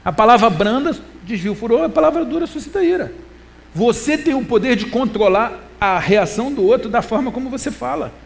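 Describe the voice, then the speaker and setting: A middle-aged Brazilian man preaching a church talk, animated, moving between loud emphasis and quiet asides and reading scripture slowly. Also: very high-pitched, creaky. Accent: Brazilian Portuguese. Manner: quotes scripture in a slow, deliberate reading voice. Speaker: preacher and lecturer.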